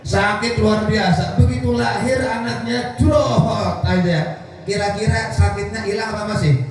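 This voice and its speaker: A man preaching a lively sermon at a pilgrimage send-off, joking and drawing answers from his listeners. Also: sits high, measured pace, creaky. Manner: jokes and asks the audience to answer back. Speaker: Islamic preacher. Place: echoey hall at a home gathering. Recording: echoey, distant mic, faint music.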